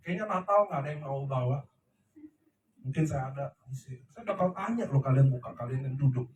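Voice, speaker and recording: A man's voice: medium pitch, animated, moderate pace, darkish tone, distant mic, slight background noise. Emphatic preachy man, echoey room. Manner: emphatic, preachy, asks the crowd "ngerti ya?". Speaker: company leader speaking to his team. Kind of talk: motivational talk to a live audience. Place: large room before a seated audience.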